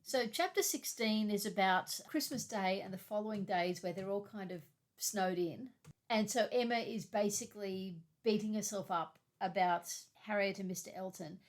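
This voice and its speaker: A woman co-hosting a literary discussion podcast, summarizing chapters in a brisk, matter-of-fact way. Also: medium pitch. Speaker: podcast co-host.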